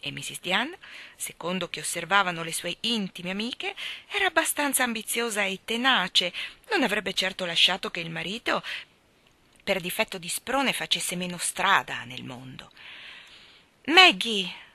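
A woman reading a classic novel aloud with measured, expressive narration. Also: fairly low pitch, dry recording. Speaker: audiobook reader. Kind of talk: literary reading.

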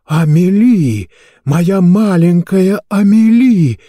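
Man voicing a grieving mother, hoarse, ruthless, fierce, slow cries, dry close sound. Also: medium pitch, mellow, dry recording. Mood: anguished longing. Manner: raised, fierce, drawn-out cries. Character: grieving middle-aged mother, obsessive and ruthless. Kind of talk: dramatic audiobook reading.

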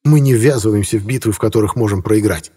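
A man's voice: lowish voice, quick pace, mellow, breathy edge. A man playing a proud, courtly Italian prince who speaks gallantly and emphatically.

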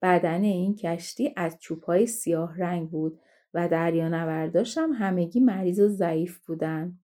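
A woman reading the part of a bold young sea captain in a fairy tale, forceful and indignant. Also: lowish voice, natural voice.

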